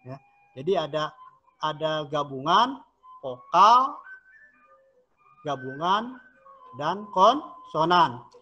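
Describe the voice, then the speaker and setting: A man teaching a lesson, slowly sounding out words syllable by syllable. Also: on the high side, lively intonation, sharp tone, lo-fi sound, soft background music. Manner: slow, drawn-out modelling of each syllable. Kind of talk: classroom lesson explanation.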